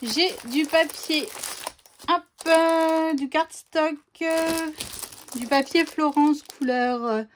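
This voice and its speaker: Chatty high-voiced woman unboxing craft papers. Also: fairly even intonation, slow pace, slight background noise. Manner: chatty, hesitant, with frequent "euh" fillers. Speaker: scrapbooking vlogger showing craft papers. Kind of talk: casual unboxing presentation.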